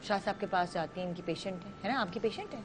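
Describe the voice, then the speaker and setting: A woman's voice: medium pitch, fast. Pakistani morning show host lady, asks short questions, noise behind her. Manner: prompting with short questions and acknowledgements. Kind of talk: hosting a TV talk show.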